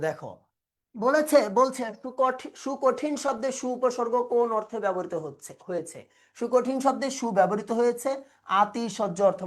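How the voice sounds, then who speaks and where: A woman teaching an exam-prep lesson, asking questions and answering them herself step by step. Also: medium pitch. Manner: explains step by step, asks and answers own questions.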